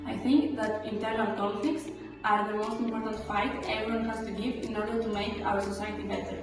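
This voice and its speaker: A woman's voice: medium pitch, steady tone, fairly quick. A young woman from Greece with a Greek accent, a student giving an earnest, prepared statement. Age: 20s. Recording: echoey hall, far from mic. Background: background music.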